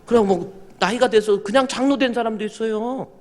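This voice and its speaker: A male pastor giving a sermon, an animated, joking storyteller who rises to shouts. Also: high-pitched, a little fast, long reverb tail. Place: church sanctuary.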